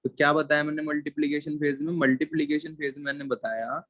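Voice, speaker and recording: Male biology teacher, classroom lecture, slow dictation, repeats terms, dry sound. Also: a little high, flat delivery, fairly bright tone, dry recording. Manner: mixes English terms into Hindi explanation. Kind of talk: classroom lecture with board writing.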